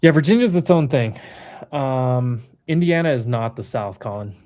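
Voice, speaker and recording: A man's voice: medium pitch, animated, normal speed, a little mellow, soft background music. A man from New England hosting a live trading stream, bantering casually and teasing his co-hosts with firm opinions.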